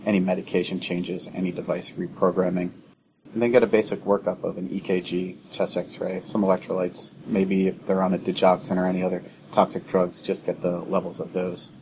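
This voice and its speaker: Brief: male emergency doctor, very low voice, steady teaching delivery, faint background hiss. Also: rough recording. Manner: measured, teaching tone. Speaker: emergency physician guest. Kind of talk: clinical explanation in a podcast interview.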